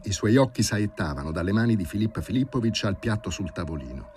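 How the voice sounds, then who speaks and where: A man reading a novel aloud in a measured, vivid storytelling manner. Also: on the low side, animated, darkish tone, faint music behind. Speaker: audiobook reader. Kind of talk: dramatic literary reading.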